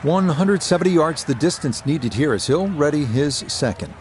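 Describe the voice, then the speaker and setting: Animated male golf commentator, acted by a man. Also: fairly high pitch, normal speed, slight background noise, close to an everyday voice. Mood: composed, approving. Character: male TV golf play-by-play announcer. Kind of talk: golf broadcast commentary in a video game.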